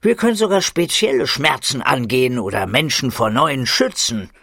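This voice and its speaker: A man's voice: mid-range voice, expressive, moderate pace, creaky, sharp tone, breathy edge, no room sound, studio quality, heavily acted. A man voicing a scheming, greedy middle-aged scientist in an audiobook. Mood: gloating.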